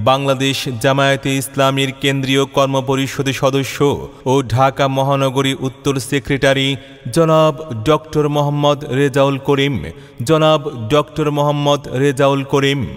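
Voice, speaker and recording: A man's voice: medium pitch, monotone, clean tone. Echoing, chanting Bangladeshi male announcer. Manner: declamatory, chanting cadence with drawn-out phrases. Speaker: event announcer. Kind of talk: scripted loudspeaker advertisement for a religious gathering. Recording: long echoing reverb, faint music behind.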